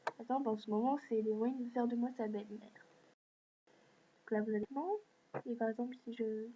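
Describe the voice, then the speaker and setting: A woman's voice: a little high, level tone, normal speed, warm tone. A woman hosting a screen-recorded app walkthrough, talking in a hesitant way with many fillers. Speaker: video host. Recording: dull lo-fi mic with faint hiss.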